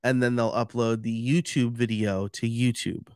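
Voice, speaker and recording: Speaking at a moderate, steady pace, this man has a mid-range voice that's slightly mellow, clear, and resonant. He's a New York-accented podcast expert on a livestream, explaining step by step in a loose, talkative style full of fillers, captured in a dry, clean studio.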